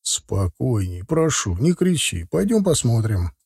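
A weary middle-aged father speaks slowly, trying to calm a shouting ex-wife, in a male narrator's reading. His voice is dark and husky, low and worn. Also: no room sound, clean studio sound, lightly acted. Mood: placating. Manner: tired, placating, slow.

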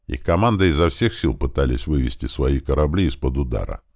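A man with a very deep, low voice reads an audiobook. His delivery is lively, and his pitch rises and falls a lot as he moves through the story. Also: fairly quick. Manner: lively, shouting out the characters' battle commands. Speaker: audiobook narrator. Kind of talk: audiobook narration.

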